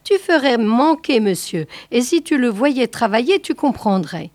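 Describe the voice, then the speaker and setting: A woman's voice: a little high, sing-song, measured pace, a little mellow, no echo, pitched above the performer's own voice. A woman reading a fussy scheming mother. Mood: eager. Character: bourgeois mother, middle-aged, fussy and scheming.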